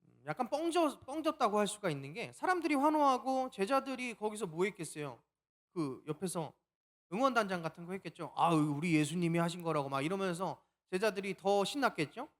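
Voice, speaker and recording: Lively man preaching with animated pitch. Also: a little fast. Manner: lively storytelling, acts out quoted lines. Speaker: pastor. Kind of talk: sermon.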